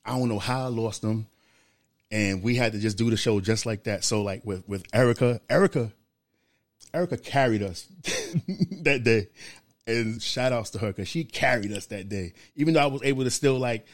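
A young man co-hosting a casual podcast, telling stories in a lively, slangy way. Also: medium pitch, normal speed, dry recording, clean studio sound. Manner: animated storyteller, slangy and laughing. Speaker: podcast co-host.

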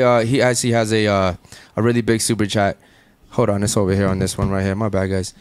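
A man's voice: medium pitch, dry recording. A man hosting a casual podcast chat, brash and profane, firing off questions to guests. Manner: brash, profane, rapid-fire. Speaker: podcast host. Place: Miami studio.

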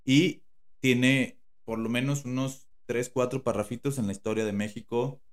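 A man with a Mexican Spanish accent chatting casually as a podcast co-host. He rambles and restarts often and fills his talk with slang. His voice sits at a middle pitch. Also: steady tone, normal speed. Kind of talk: casual chat.

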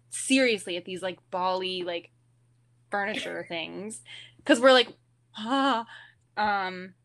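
A young woman guest on a podcast, telling an animated anecdote in casual chat and saying "like" a lot. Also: mid-range voice. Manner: animated storyteller, lots of "like".

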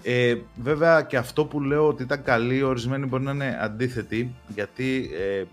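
A man's voice: mid-range voice, soft background music. A young man, co-hosting a podcast and chatting casually about TV series, with a rambling way of talking full of restarts. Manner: rambling, many restarts and fillers. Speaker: podcast co-host.

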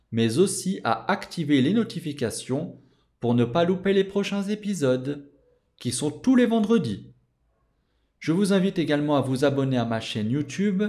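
Mellow-voiced man reading an audiobook. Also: fairly high pitch. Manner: measured, expressive storytelling. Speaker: podcast host and audiobook reader.

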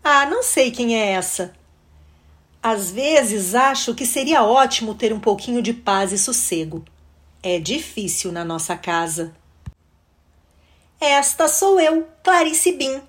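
A woman, reading a children's book aloud in a lively, animated way. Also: on the high side, takes it slowly. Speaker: storybook reader.

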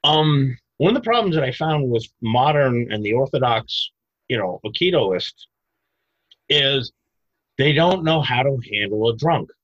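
A man explaining self-defense techniques in a podcast interview, animated and emphatic, breaking into loud mock outbursts. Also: mid-range voice, unhurried, no echo, dull audio.

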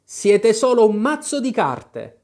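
A man's voice: sits high, sing-song, slow pace, darkish tone, voice pushed up, exaggerated voice. A man voicing a bold, outspoken young girl. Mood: defiant. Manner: defiant, outspoken.

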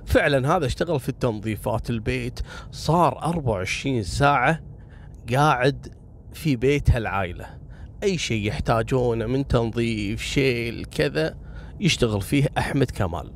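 A man's voice: medium pitch, lively intonation, brisk, slight background noise. A man narrating a story casually, speaking straight to his listeners with moral asides. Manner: chatty, addresses listeners directly with moral asides.

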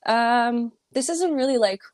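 A young woman from the Middle East or North Africa, chatting in a relaxed, reflective way with frequent ums and likes. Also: on the high side, a little slow, no echo, studio quality. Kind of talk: casual chat.

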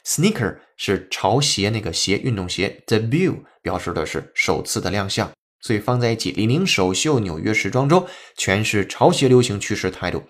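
Man, English teacher, podcast lesson, fairly low voice, spells words out letter by letter. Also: animated, moderate pace, few pauses, fairly bright tone.

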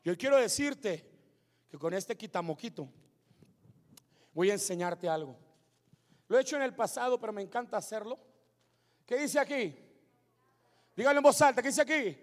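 A male pastor preaching a sermon, moving between shouted climaxes and hushed asides. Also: sits high, animated, moderate pace, long pauses, in a large hall. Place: church sanctuary with congregation.

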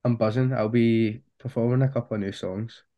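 A music artist with a broad Scottish accent talks informally and slangily in a casual interview chat. His voice is medium-pitched and steady, he speaks a little fast, and the recording is muffled.

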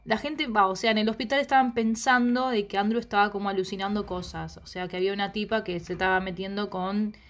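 A woman's voice: medium pitch, steady tone, fast, hardly any pauses. A young woman with a Rioplatense Spanish accent, retelling a series in casual chat and quoting characters animatedly. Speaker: co-host recapping a series.

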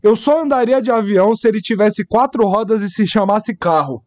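A Brazilian man with a high-pitched voice trades slangy jokes with his co-host and laughs often. He speaks in loose, casual podcast banter. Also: a little fast, darkish tone. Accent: Brazilian Portuguese.

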